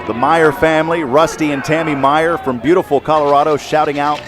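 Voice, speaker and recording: A man doing live play-by-play commentary on a college football game from a stadium booth, his voice jumping up and even shouting on big plays. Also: a little high, brisk, a crowd in the background, noisy background. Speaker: play-by-play announcer.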